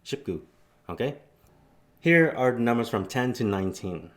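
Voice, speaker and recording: A man's voice: mid-range voice, expressive, moderate pace, a bit bright. A man teaching a casual spoken lesson, explaining step by step with loose fillers. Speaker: language teacher.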